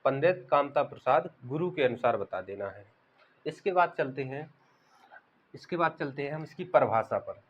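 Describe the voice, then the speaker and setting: A young man teaches an exam-prep grammar lesson online in a steady, middle-pitched voice. He repeats his key words and keeps asking the class questions before he answers them. The recording sounds dull and lo-fi. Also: moderate pace, husky.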